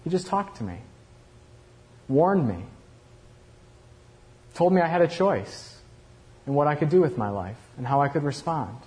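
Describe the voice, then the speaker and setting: A man's voice: a little high, big pitch swings, a little slow, long pauses, a little mellow. A man playing Cain in a first-person dramatic monologue, telling his story in a confessional, reflective way. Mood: regretful. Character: Cain, aging regretful male murderer looking back.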